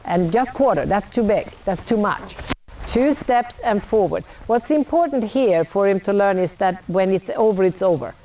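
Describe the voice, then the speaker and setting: Female riding coach, outdoor arena with light ambient noise. Blunt, brisk, projected commands in short repeated phrases. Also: medium pitch, expressive, warm tone, rough recording. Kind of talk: live horse-riding lesson, calling out instructions.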